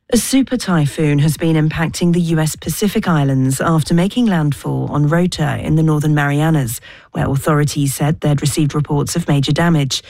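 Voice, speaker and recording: Low-voiced woman reading the news, dry studio sound. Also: darkish tone, dry recording. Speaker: newsreader. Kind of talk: scripted news bulletin.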